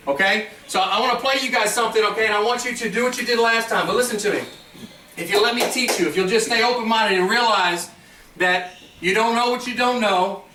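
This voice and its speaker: A man's voice: sits high, bright, forceful tone. A man giving a pre-game pep speech to a young team, exhorting them and repeating phrases for emphasis. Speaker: guest motivational speaker addressing a school basketball team. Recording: distant mic, echoey room, faint noise.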